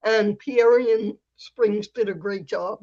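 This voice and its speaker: A woman poet reading her work slowly and chatting on a livestream, laughing between poems. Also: medium pitch, dark tone. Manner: slow, deliberate poem reading with laughter between. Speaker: poet and reading series host. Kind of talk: livestream poetry reading and chat. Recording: dull lo-fi livestream audio.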